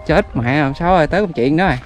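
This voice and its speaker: A man's voice: a little high, racing, soft background music. A man with a Southern Vietnamese accent, chatting casually to viewers in a rural fishing vlog, talking outdoors by a canal. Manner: chatty, laughing, addresses viewers. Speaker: vlogger.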